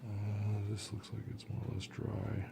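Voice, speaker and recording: A man's voice: lowish voice, completely flat delivery, a little slow, creaky, dark tone, slight background noise. A man casually talking through his watercolor technique as he paints, thinking aloud and often trailing off. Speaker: watercolor artist.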